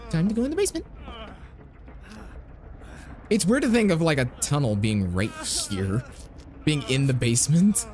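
A man streaming a horror game live, swearing freely and yelling dramatic cries for help as he plays. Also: on the high side, very animated, moderate pace, pauses often. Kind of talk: live gameplay commentary. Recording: music playing in background.

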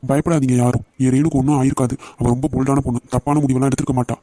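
Guy doing a hot-headed young man, quick and emphatic, kinda mellow tone. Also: mid-range voice, level tone, no echo, close to an everyday voice. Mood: anxious. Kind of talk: animated story voice acting.

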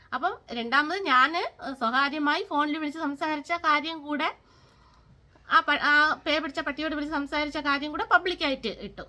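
A woman's voice: high-pitched, pushed and bright. A woman, speaking in a bitter, sarcastic and scolding personal vlog rant. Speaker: vlogger.

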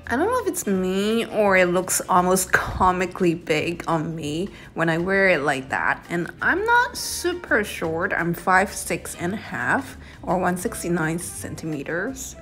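A woman's voice: lowish voice, sing-song, unhurried, hardly any pauses, a bit bright, soft background music. A young woman narrating a casual shopping vlog in a chatty, descriptive way. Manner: chatty, descriptive, reviewing products. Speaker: vlogger.

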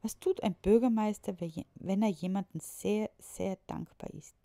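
A woman reading a children's story aloud, voicing an eager young boy who talks in an excited, pleading way. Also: medium pitch, a little slow, creaky, no echo, voice pushed up. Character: eager young boy Julius, the mayor's son.

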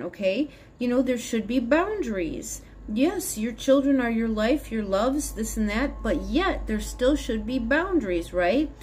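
A woman's voice: a little high, a little mellow, a little hiss or hum. A woman in her fifties gives a casual spiritual talk to her phone camera at home, explaining earnestly in a meandering way and often restarting her sentences. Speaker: spiritual advisor. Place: small room at home, indoors. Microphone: phone camera at arm's length.

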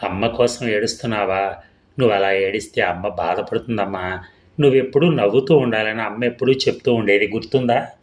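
A man's voice: on the low side, fairly quick, close to an everyday voice. A man voicing an awkward, evasive middle-aged father with a coaxing manner. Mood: soothing.

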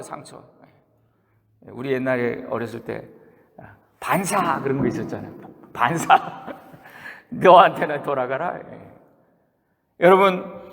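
A pastor with a high, gravelly, fairly bright voice preaches a sermon amid the long reverb of a church hall. He talks conversationally with the congregation, asking them questions and acting out the quotes he shares.

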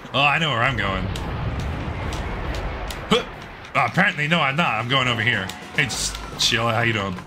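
Hoarse Australian man over game music. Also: mid-range voice, measured pace, long pauses. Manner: swears freely, excitable, talks to himself while playing. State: hoarse, losing his voice. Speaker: gaming channel host. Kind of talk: casual gameplay commentary.

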